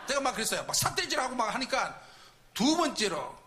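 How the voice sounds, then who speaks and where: A man preaching in a church, telling a story with loud acted-out outbursts. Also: very high voice, brisk. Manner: animated storytelling with shouted reenactments. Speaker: preacher at a Friday night service. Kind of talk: storytelling sermon testimony. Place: church sanctuary.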